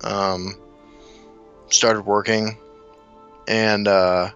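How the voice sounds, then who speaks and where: Speaking very slowly in a lowish, clean-toned voice over lo-fi sound and faint music, a podcast guest from South Dakota, raised in Kansas City, chats casually. He rambles through stories in a relaxed way, laughing easily and often.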